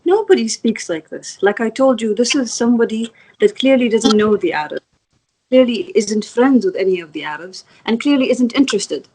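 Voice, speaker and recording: A woman's voice: fairly high pitch, moderate pace, a little mellow, slightly rough, poor audio. A woman from the Emirates, a guest in an interview, speaking earnestly with many restarts and apologies. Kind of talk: video interview.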